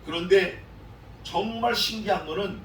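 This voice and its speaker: A man's voice: sits high, measured pace, slight background noise. A male pastor preaching an expository sermon in an emphatic, repetitive style. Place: church sanctuary. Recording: echoey church sound from a distant mic.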